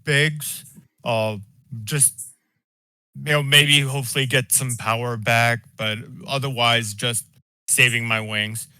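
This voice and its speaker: A man's voice: medium pitch, steady tone, slow, sharp tone, clear, resonant tone, no echo, clean studio sound. A man playing a tabletop game who explains his character's actions in a loose, chatty way. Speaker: player. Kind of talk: casual tabletop game chat.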